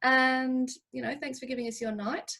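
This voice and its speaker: A woman hosting an online talk, moderating briskly and relaying questions from the audience. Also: high-pitched, level tone, creaky, sharp tone. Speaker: host. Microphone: video call.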